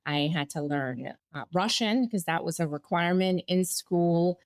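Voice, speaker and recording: Speaking a little slowly in a lowish voice, this Bulgarian-born woman in her forties, raised in the United States, recounts her life as an interview guest. The recording is dry and studio-clean. Her storytelling is candid and reflective, broken by small laughs and restarts.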